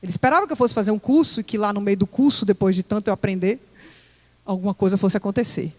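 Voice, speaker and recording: Before the congregation in a church hall, a member tells her personal story emotionally as testimony, speaking quickly in a mid-range voice with a darkish tone. The space is echoey, with long reverb.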